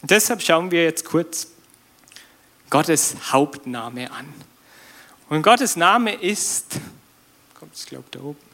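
A male preacher delivers a sermon in a high, bright voice. He talks slowly and conversationally, dropping in slang and rising into sudden loud emphasis on key words. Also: lively intonation.

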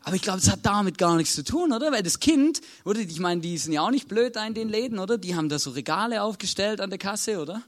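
A man's voice: sits high, animated, quick pace, hardly any pauses. A man with an Austrian accent preaching a sermon in a conversational way, checking in with listeners after nearly every sentence. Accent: Austrian German.

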